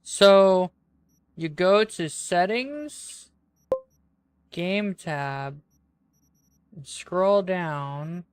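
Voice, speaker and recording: Smooth-voiced playful streamer. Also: mid-range voice, very slow, pauses often. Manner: playful, chatty, talks to chat. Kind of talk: casual livestream chat.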